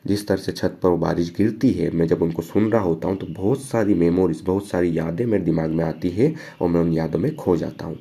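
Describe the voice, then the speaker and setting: A man, explaining a poem line by line as a teacher, reading each verse slowly and then talking it through casually. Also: deep voice, vocal fry, dark tone. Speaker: English teacher.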